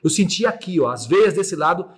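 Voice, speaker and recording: A man's voice: high-pitched, expressive, moderate pace, husky. A man with a Mato Grosso Brazilian accent hosting a casual podcast chat, hesitant, with many restarts, imitating heartbeat sounds as he explains. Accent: Brazilian Portuguese, Mato Grosso. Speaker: podcast host. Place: room without air conditioning.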